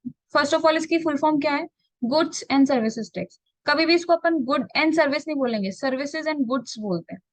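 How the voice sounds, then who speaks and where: A young woman teaching a revision lecture. She poses questions and answers them herself, repeats key terms, and reads definitions slowly, word by word. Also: high-pitched, no room sound. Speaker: tax tutor.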